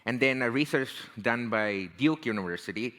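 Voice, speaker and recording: This is a motivational talk from an Indian man with an Indian accent, his medium-pitched voice animated, pushed and bright at a normal speed. The sound is that of a big room, and he keeps the tone conversational, frequently checking in with "right?" and "you know".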